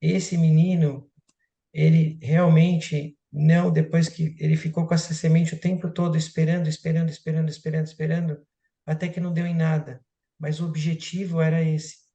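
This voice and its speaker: Man voicing a gentle wise king. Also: on the high side, flat delivery, moderate pace, natural voice. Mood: calm. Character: wise old king, calm and kindly. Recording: roomy echoey room.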